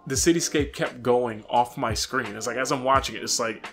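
A man's voice: medium pitch, normal speed. Young man telling stories, music behind. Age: young adult. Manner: slangy, expressive, acting out quoted reactions. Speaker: vlogger. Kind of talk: animated casual storytelling to camera. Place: small furnished room with couch, indoors.

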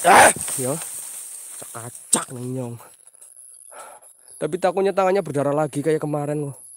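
A man's voice: on the high side, a little slow, fairly bright tone, a little hiss or hum. A man hosting a live night ghost-hunt stream outdoors, jumpy and praying aloud while he walks and reads out viewer names. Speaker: livestream host exploring at night.

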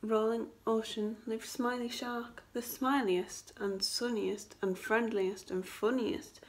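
Woman teacher, storybook read-aloud for children, expressive, asks questions, fairly high voice, camera mic indoors. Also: slow pace.

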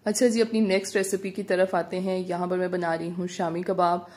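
A woman narrating a home recipe as a voice-over, giving calm step-by-step cooking instructions. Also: fairly low pitch, a little fast. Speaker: cooking channel host.

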